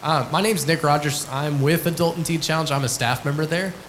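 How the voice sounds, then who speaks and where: A man, a ministry staff member, sharing a friendly, relaxed testimony with frequent fillers. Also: fairly high pitch, fairly quick, a little hiss or hum, poor audio. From Lubbock, Texas. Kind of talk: church testimony and introduction.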